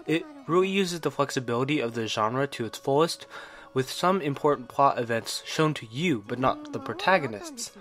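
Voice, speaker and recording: Over background music, a man delivers a scripted video game review with enthusiasm and strong opinions. His voice is medium-pitched and fairly bright.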